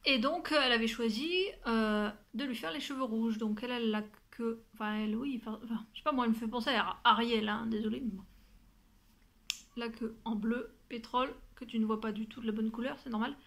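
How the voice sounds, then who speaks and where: A young woman with a fairly high voice chats casually to her viewers from home. She talks in a loose, friendly flow, full of fillers, restarts and asides to the listener. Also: steady tone, brisk, a bit bright. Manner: chatty, many fillers and restarts, addresses listener directly. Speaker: knitting podcast host. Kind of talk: casual chat to camera.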